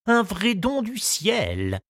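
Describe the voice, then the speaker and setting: A man voicing a kindly, wise old male gardener in an audiobook, musing slowly and confidingly. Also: high voice, huge pitch swings, fairly bright tone, no echo, clean studio sound, pitched above the performer's own voice, heavily acted. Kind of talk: audiobook character reading.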